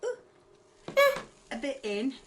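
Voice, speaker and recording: A woman's voice: high voice, wildly swooping pitch, takes it slowly, fairly bright tone, a little hiss or hum. Older woman talking through a home cooking video. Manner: chatty, hesitant, talks herself through each step. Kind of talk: homemade cooking video narration.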